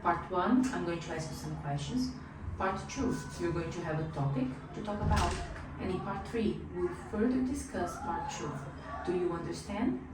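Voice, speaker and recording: A woman acting as an English speaking examiner in a mock test, asking short, clearly paced questions. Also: fairly low pitch, lively intonation, moderate pace. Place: classroom. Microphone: distant room microphone. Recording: echoey room far from the mic, clear background noise.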